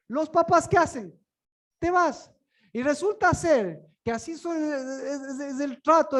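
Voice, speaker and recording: High-voiced male preacher, questions the room constantly, stumbles and repeats words. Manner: asks the room many rhetorical questions; repeats and restarts words often. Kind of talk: sermon-style Bible teaching.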